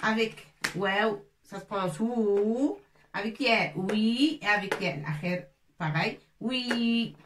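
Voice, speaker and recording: This woman, an Arabic teacher, patiently works through letters in French, slowly repeating sounds and going syllable by syllable with her learners. Her medium-pitched voice is a bit bright, captured from a distance and somewhat off-mic in an echoey room with faint noise.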